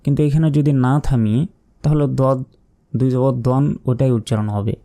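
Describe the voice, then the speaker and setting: In a step-by-step recitation lesson, a man teaches Quran reading, patiently and methodically spelling out letters and vowel marks. Between plain explanations he chants verses in a slow, drawn-out way, his mid-range voice mellow.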